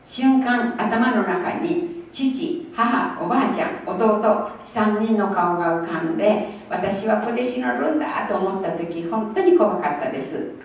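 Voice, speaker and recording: An older woman in her eighties speaks in careful, measured phrases, pausing often for translation. Her voice comes from well back from the microphone in a very echoey hall, with a faint hum of noise behind. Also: medium pitch, lively intonation, recorded from a distance. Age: 80s. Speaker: guest speaker giving testimony. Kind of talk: formal spoken testimony paced for interpretation.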